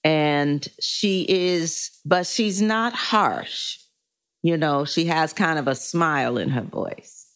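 Slow-speaking, low-voiced woman actor. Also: a bit bright. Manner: thoughtful, searching for words. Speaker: actor and associate producer. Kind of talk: casual chat.

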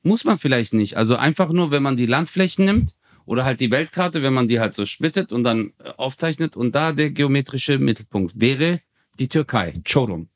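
A man co-hosting a podcast in casual chat, teasing and animated. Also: mid-range voice, normal speed, no echo. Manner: animated, teasing, heavy gesturing. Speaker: podcast co-host.

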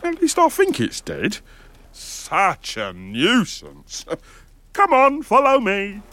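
A man voicing a blind male mole with a pompous, gleeful, drawn-out way of talking. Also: sits high, huge pitch swings, pushed and bright, exaggerated voice. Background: music.

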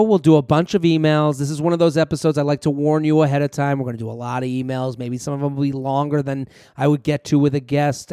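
A man's voice: fairly high pitch, warm tone, clean tone, no room sound, clean studio sound. A man hosting a solo podcast in a casual, rambling monologue, talking straight to his listeners like a comedian. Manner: rambling, conversational, addresses listeners directly.

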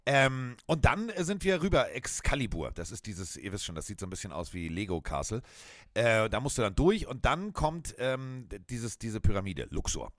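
A man with a German accent co-hosting a chat podcast, telling lively anecdotes and mimicking the voices of people in them. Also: lowish voice, normal speed, no echo, studio quality. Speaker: podcast co-host. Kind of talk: casual chat, animated storytelling.

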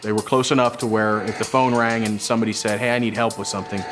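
A man's voice: lowish voice, level tone, quick pace, over music. A man speaking as an investigator, recounting a case in a documentary interview.

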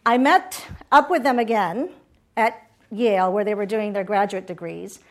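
Speaking at a moderate pace in a mid-range voice, this guest speaker is a middle-aged woman from Puerto Rico. She keeps her lively campus talk to students chatty, regularly turning to the audience with questions.

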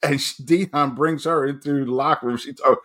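A man, a coach, talking casually about college football, his voice jumping up when excited and often restarting his sentences. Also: moderate pace. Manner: animated, pitch jumps up when excited, frequent restarts. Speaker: coach and guest analyst. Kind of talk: casual sports talk.

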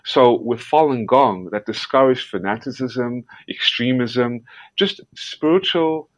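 An investigative journalist from South Africa speaks as an interview guest in an unhurried, mid-range male voice. He answers with earnest emphasis but keeps stumbling and repeating words. The recording is dull, dry and lo-fi, without room sound.

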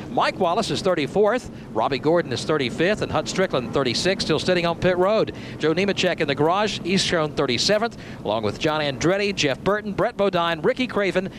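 Motorsport commentator, male, high-pitched, running through race positions live with cars audible behind. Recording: clear vehicle noise. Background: race cars outdoors.

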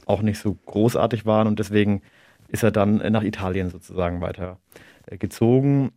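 A man in his thirties, a local politician and native Arabic speaker from Germany, answers interview questions in a measured, reflective manner, occasionally chuckling. His voice is medium-pitched and a little mellow, captured in a dry, studio-quality recording.

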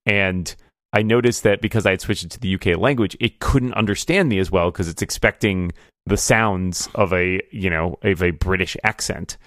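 A man's voice: low-pitched, normal speed, a bit bright, dry recording, studio quality. A man hosting a podcast in casual chat, telling stories animatedly and laughing often. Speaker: podcast host.

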